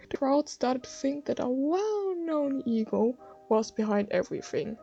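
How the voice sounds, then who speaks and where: German woman narrating, fry in her voice, kinda muffled mic. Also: a little high, warm tone. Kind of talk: scripted narration.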